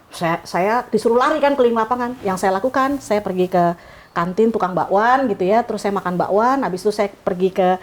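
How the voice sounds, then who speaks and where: Animated middle-aged woman storyteller. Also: medium pitch, fairly quick. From Indonesia. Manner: animated, acts out quoted dialogue. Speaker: writer, interview guest. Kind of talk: casual storytelling.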